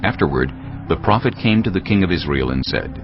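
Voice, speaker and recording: Narrating a scripted, dramatised Bible tale, a man speaks fairly quickly in a low voice with lively intonation. Music plays behind him on a dull, lo-fi recording.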